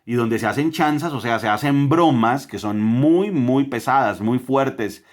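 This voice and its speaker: A man's voice: mid-range voice, unhurried. A man with a Colombian accent, teaching a Bible lesson to his family, emphatic, with rhetorical questions and repeated phrases.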